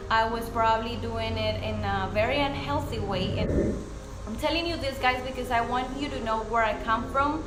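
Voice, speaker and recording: A woman, her voice sitting on the higher side. She talks earnestly about her own life. The recording is roomy, with music playing underneath. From Colombia. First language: Spanish. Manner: earnest and openly emotional. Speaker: speaker sharing her life story. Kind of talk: personal testimony to camera.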